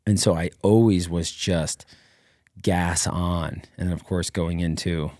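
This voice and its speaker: A middle-aged former Navy SEAL tells stories as a guest on a casual podcast, rambling energetically and using lots of fillers. His voice is low and he takes his time. The recording is studio quality with no room sound.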